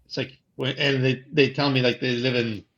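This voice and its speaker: A man co-hosting a podcast in casual chat, talking haltingly with many restarts and "like"s. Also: medium pitch, level tone, fairly bright tone. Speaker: podcast co-host. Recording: dull lo-fi sound.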